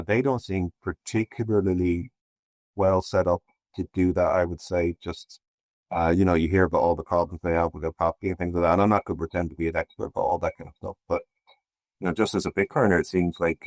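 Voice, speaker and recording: A man speaks as a podcast guest in a very low voice. He rambles and restarts often in casual conversation, and the sound is dry and close. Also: no room sound. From Ireland. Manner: meandering, hesitant, many restarts.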